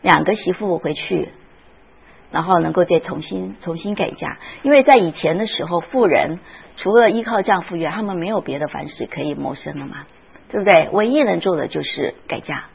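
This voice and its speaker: A woman's voice: on the low side, normal speed, vocal fry, breathy edge, lo-fi sound. A woman teaching a Sunday school Bible class, often asking the class questions and retelling scenes with feeling.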